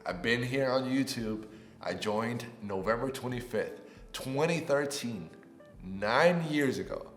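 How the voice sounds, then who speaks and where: A slow, medium-pitched man in his twenties, a native Spanish speaker from Puerto Rico, introduces his new YouTube channel in an upbeat, chatty vlog style that rises with excitement. Faint music plays behind him, and the echoey room gives a long reverb.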